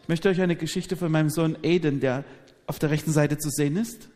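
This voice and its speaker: A man interpreting a live talk phrase by phrase, quick and with hesitant fillers. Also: a little high, steady tone, a little mellow. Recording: long hall reverb.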